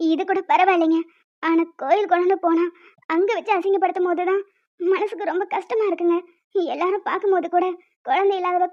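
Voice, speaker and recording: A woman's voice: extremely high pitch, highs cut off. Woman voicing Anitha, a tearful cartoon young wife. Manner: pleading, sorrowful, deferential.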